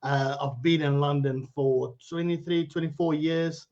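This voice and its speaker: This middle-aged South African man is a cryptocurrency educator appearing as a guest on a live-streamed interview, heard through a video call. His voice is a little high and mellow, with fairly even intonation and a measured pace, and the sound is lo-fi. He chats and rambles freely, laughing easily.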